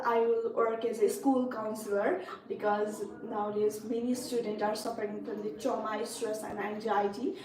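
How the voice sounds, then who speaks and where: A young woman from Nepal with a Nepali accent, giving earnest, rehearsed answers in a mock visa interview. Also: on the high side. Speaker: student visa applicant. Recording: roomy, distant, crowd behind.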